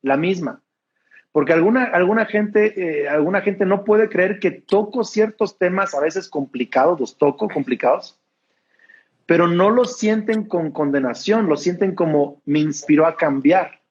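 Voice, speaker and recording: A Mexican man speaks as a guest preacher, his voice pitched high and a little husky. He talks with a constant smile, his warmth coming through as he explains things. The recording is dull and lo-fi. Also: animated, unhurried. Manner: smiling, laughing tone of grace. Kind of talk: casual interview talk.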